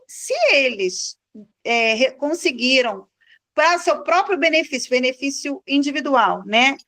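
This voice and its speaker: Slow, halting high-voiced woman. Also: animated, a bit bright. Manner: halting, searching for words. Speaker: participant in a spiritual group meeting. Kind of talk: casual spiritual conversation.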